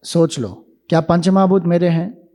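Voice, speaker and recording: A man giving a spiritual discourse, explaining ideas slowly with rhetorical questions to listeners in a hall. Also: fairly high pitch, dark tone. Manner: slow, deliberate, rhetorical questions. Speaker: spiritual teacher. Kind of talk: Vedanta discourse to youth camp.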